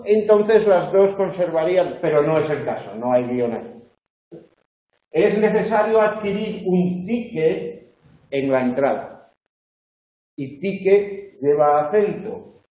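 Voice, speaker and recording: A man lectures as a university tutor, walking through exam answers and often pausing to check that everyone follows. His voice is mellow and a bit higher than usual for a man. The recording is dull and lo-fi, with a lot of room echo. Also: lively intonation. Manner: methodical, checks understanding with frequent "¿de acuerdo?". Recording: echoey, dull lo-fi classroom recording.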